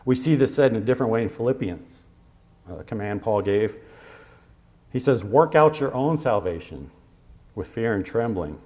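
A male pastor preaches to his congregation in a conversational way, pausing and using fillers, and slows to underline scripture references. His voice is on the low side and a little mellow, with lively intonation.

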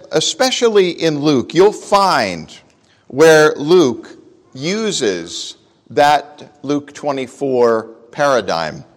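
A man preaching a sermon and leading prayer at a pulpit microphone, speaking in an unhurried, conversational way with frequent fillers. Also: medium pitch. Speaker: pastor. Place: church sanctuary. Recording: long church reverb.

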